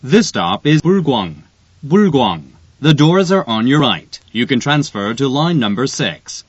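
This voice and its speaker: Very slow man's train announcement. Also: mid-range voice, very animated, dry recording. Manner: formal, deliberate, clearly enunciated. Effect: train announcement over onboard speaker. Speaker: subway announcer. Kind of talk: recorded onboard train announcement. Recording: dull, dry lo-fi recording.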